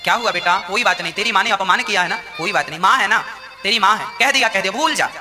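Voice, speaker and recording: A man voicing a gentle consoling mother. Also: mid-range voice, fast, pitched below the performer's own voice, natural voice. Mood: tender, soothing. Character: gentle, patient mother consoling her crying son. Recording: reverberant hall, faint violin music.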